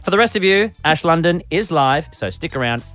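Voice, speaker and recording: Animated Australian male radio host. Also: on the high side, brisk, faint music behind. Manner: playful storyteller, animated and theatrical. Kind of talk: casual radio banter.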